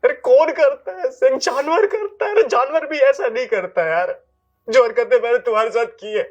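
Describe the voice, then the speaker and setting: A man's voice: fairly high pitch, animated, normal speed. A man playing a remorseful husband who stammers and pleads through tears with his estranged wife. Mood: self-loathing. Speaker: actor in a short drama. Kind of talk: melodramatic acting. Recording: faint music behind.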